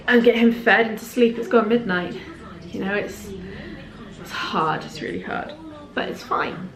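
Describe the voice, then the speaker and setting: Chatty mum in an echoey room. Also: female voice, mid-range voice, a bit bright. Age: late 30s. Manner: chatty and heartfelt, rambling asides. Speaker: parenting vlogger. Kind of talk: candid talk to camera. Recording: roomy echo in a home room.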